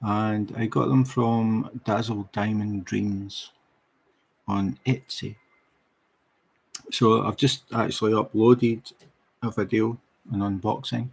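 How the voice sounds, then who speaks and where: A fairly low-pitched male voice with vocal fry and a slightly rough quality belongs to a middle-aged Scottish man hosting a diamond painting stream. He talks to viewers casually in his Scottish accent, relaxed and taking his time.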